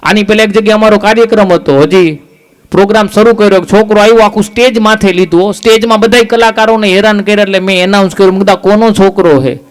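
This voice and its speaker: Male stand-up comic, high voice, storytelling jokes on a live stage. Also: fairly even intonation, fast, smooth. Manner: storytelling jokes with quoted dialogue. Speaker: stand-up comedian.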